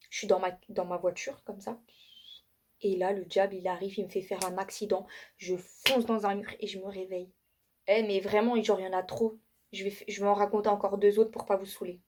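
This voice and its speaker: A young woman giving a casual, slangy testimony to camera, retelling frightening dreams with lots of fillers and restarts. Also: a little high. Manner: animated, slangy storytelling with many fillers and restarts. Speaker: vlogger giving a faith testimony.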